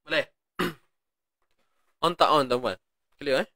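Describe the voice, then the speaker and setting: A man with a Malaysian Malay accent teaching Quran recitation in an online class, chanting examples slowly and explaining in between. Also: fairly high pitch, creaky, bright, forceful tone, no room sound, studio quality. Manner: demonstrates pronunciation repeatedly, light laughs.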